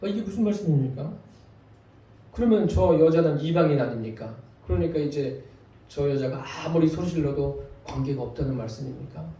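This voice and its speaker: A man's voice: fairly high pitch, expressive, a little fast, warm tone. A male pastor preaching a sermon in a church, asking the congregation rhetorical questions. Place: church sanctuary. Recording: very echoey church hall, voice from far off.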